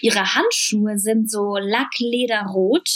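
A woman's voice: mid-range voice, takes it slowly. A woman co-hosting a casual talk show, chatting loosely with many fillers and bits of English mixed in. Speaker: podcast co-host. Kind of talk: casual chat.

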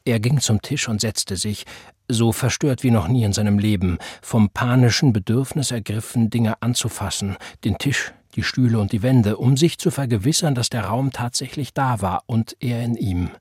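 A husky-voiced man narrates a literary audiobook at a mid pitch, grave and measured. The recording is close and dry, with no room sound. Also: darkish tone, no echo.

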